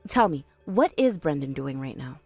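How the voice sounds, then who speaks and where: A woman voicing a calm, sharp-tongued young woman in an animated story, speaking firmly and with dry exasperation. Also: sits low, moderate pace, creaky, husky, no room sound, soft background music, full character voice.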